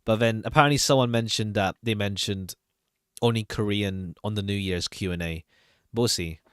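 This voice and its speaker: A man's voice: on the low side, normal speed, clean tone, dry recording, studio quality. A man giving casual livestream commentary as a streamer, chatty and hesitant as he thinks aloud. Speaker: streamer reacting to game trailers.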